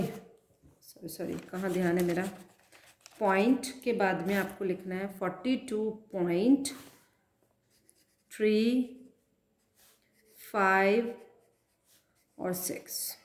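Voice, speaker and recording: Slow, patient maths teacher, woman. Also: mid-range voice, roomy sound. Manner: slow and patient, counting aloud and asking pupils questions. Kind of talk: classroom math lesson, writing as she explains.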